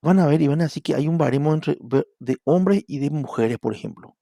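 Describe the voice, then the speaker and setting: A man's voice: on the high side, a little fast, creaky, dark tone, no echo, studio quality. A middle-aged man with a Paraguayan Spanish accent giving an online university lecture, explaining step by step and checking in with his students. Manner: explanatory, repeatedly asks "¿verdad?".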